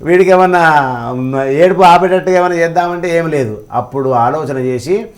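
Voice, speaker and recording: A man's voice: fairly high pitch, moderate pace. A man telling devotional stories in conversation, emphatic, with rhetorical questions and acted-out quotes. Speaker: religious scholar guest.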